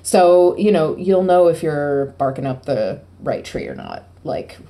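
A woman chats on a podcast in a deep, mellow voice. She rambles playfully and fills her talk with "like" and "you know". Her tone stays warm and dark. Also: animated, a little slow. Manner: rambling, playful, filler-heavy. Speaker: podcast co-host, PR agency. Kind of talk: casual podcast chat.

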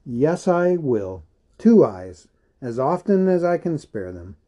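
Man acting old male wizard, grave, unhurried, thoughtful, firm, storybook character. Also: on the high side, sing-song, warm tone, lo-fi sound, voice pushed up. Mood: wry. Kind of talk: dramatised storybook reading.

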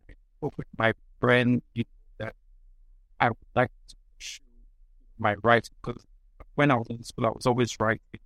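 A man, a podcast guest who speaks in a halting, thoughtful way with many restarts. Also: medium pitch, level tone, fairly bright tone, dry recording, rough recording. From Nigeria. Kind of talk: casual interview.

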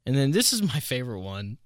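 A man's voice: mid-range voice, fairly bright tone, smooth, dry recording, clean studio sound. A man in his twenties hosting a casual solo podcast, amused and often laughing at his own stories. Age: 20s. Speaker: podcast host.

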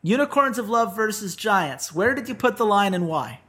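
A man's voice: high-pitched, expressive, normal speed, pushed and bright, slightly rough. A man co-hosting a podcast in casual chat, upbeat and steering the segment from one betting line to the next. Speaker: podcast co-host.

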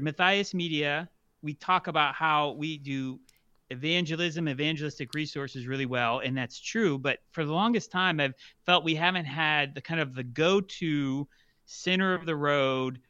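A man's voice: fairly high pitch, sharp tone, clean tone, no echo, muffled recording. A man talking as a podcast guest over a video call, enthusiastic and playful. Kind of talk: casual conversation.

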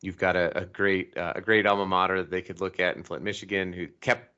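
A man's voice: deep voice, steady tone, a little fast, sharp tone, smooth, highs cut off. A man from Colorado hosting a podcast interview, upbeat and rambling, with many self-corrections. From Colorado, United States. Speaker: podcast host. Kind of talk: casual interview talk over a call.

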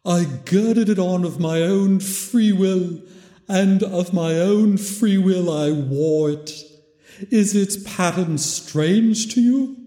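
A man's voice: high voice, takes it slowly, dark tone, voice pushed up. A man voicing the tormented, mournful ghost of a dead miser in a storybook reading, solemn, wailing and drawn out. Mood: mournful, lamenting. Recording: very echoey, long reverb.

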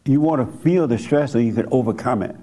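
A man's voice: mid-range voice, brisk, mellow. A man leading a group as a spiritual teacher, speaking bluntly and colloquially while taking questions. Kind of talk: informal teaching with audience questions.

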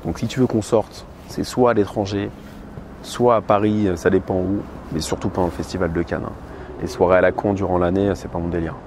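A man's voice: sits low, steady tone, brisk. A man in his thirties talking candidly and bluntly in a casual vlog, with plenty of fillers. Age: 30s. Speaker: vlogger. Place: outdoors on a busy city street. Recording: noisy outdoor street recording. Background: traffic and street ambience.

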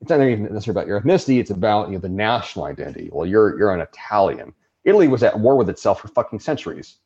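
A man's voice: fairly low pitch, sing-song, very fast, a little mellow. A man who is a podcast guest, talking in a casual conversation and ranting emphatically with a lot of swearing. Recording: dull lo-fi sound.

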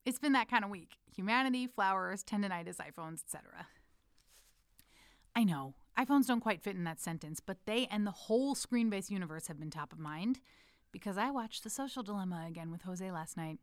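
A woman's voice: mid-range voice, expressive, a little fast, no room sound, studio quality. A woman from the United States reading her personal letter aloud, intimate and playful, calling the listener her love. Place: lives in Amsterdam.

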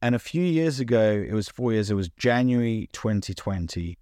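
A man's voice: fairly low pitch, expressive, normal speed, mellow, no echo, studio quality. A man, a podcast guest speaking earnestly and fluently, often restarting his words. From United Kingdom. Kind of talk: podcast interview.

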